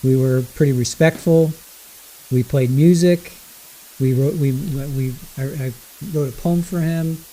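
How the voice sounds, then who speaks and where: A man giving casual live commentary, rambling and correcting himself as he goes, with a low hiss under his voice. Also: fairly even intonation, unhurried, warm tone, low-quality recording. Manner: rambling, self-correcting, exclaiming. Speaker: livestream trial commentator.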